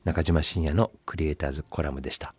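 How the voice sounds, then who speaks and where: A man's voice: very deep voice, quick pace. A man hosting a radio column, talking casually about his work and acting out the voices of other people. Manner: animated, acts out directors' voices. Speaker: radio host and commercial director. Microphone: studio microphone.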